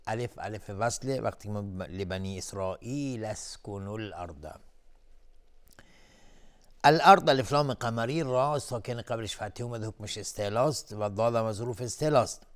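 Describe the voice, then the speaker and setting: A man teaching Quran recitation rules on a broadcast lesson, explaining tajweed between slow chanted verses. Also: on the low side. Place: television studio.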